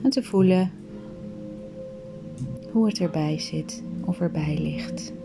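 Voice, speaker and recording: A woman guiding a meditation in a soft, soothing voice that often drops to a breathy whisper. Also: lowish voice, slow pace, music in the background. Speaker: meditation guide. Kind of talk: guided meditation.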